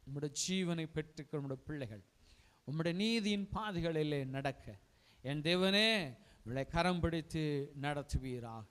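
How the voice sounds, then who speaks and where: A man's voice: a little high, animated, a little slow, fairly bright tone, clean tone. A male pastor preaching a fervent sermon and leading prayer, pleading with listeners and repeating his appeals to God.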